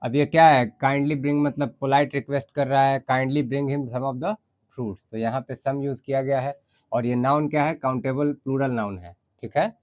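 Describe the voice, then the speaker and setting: A man with an Indian accent teaching English grammar in Hindi, explaining step by step and reading English example sentences slowly. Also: mid-range voice, fairly even intonation, a little mellow.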